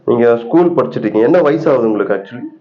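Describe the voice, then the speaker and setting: Posing as an acting auditioner, a man prank-calls someone and plays a mock-serious interviewer asking critical questions. His voice is medium-pitched and creaky, and the phone recording is muffled.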